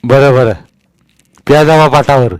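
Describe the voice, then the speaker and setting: Booming old village landowner, gruff and teasing, raised high and loud, read by a male storyteller; dry storybook sound. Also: a little slow, no room sound, lightly acted.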